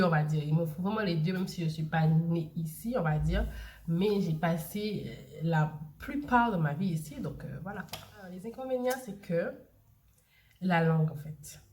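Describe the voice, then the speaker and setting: A woman's voice: lowish voice, a little mellow. A young woman, chatting casually to camera and repeating herself with many fillers. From Saint Lucia. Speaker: vlogger.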